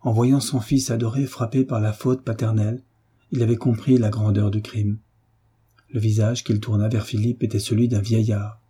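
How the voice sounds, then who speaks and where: A man narrating a classic novel in a measured, solemn audiobook reading. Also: on the low side, level tone, warm tone, breathy edge. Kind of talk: scripted literary narration.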